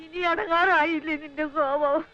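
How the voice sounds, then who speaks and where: A woman's voice: high voice, steady tone, normal speed, sharp tone. An actress playing an anguished elderly mother who cries and pleads in prayer for her son, in a 1980s film drama. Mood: tearful pleading. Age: older. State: crying. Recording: dull lo-fi film soundtrack.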